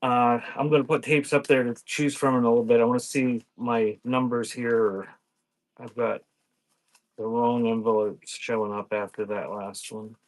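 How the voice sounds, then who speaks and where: Poor audio captures a man hosting a live online cassette tape sale, his mid-range voice flat and moderately paced. He rambles casually to his stream, thinking aloud and frequently not finishing sentences.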